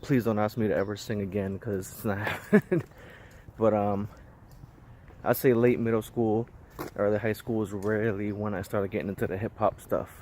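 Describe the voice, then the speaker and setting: A man's voice: fairly low pitch, fairly even intonation, moderate pace. A man in his thirties talking casually for his vlog while walking, a bit out of breath, rambling with small laughs. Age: 30s. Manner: rambling, chatty, laughs between thoughts. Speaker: vlogger. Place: outdoors on a busy street, walking. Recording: outdoor recording with loud traffic and wind noise.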